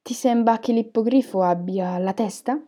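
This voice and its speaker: A woman narrator gives voice to an eccentric divination teacher from a storybook. She coos softly in a warm, mellow tone, then breaks into a hard, loud trance voice. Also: a little high, normal speed, voice pushed up, lightly acted. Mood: sweet, coaxing. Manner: sweet and hushed, turning harsh and loud in trance. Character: eccentric female divination teacher, misty, theatrical.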